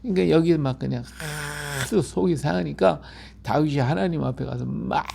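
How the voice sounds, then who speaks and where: Gravelly-voiced pastor man, emphatic sermon. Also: on the high side, a little fast, dark tone, slight background noise. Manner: emphatic, repetitive, asks listeners for agreement. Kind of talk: Bible-reading sermon.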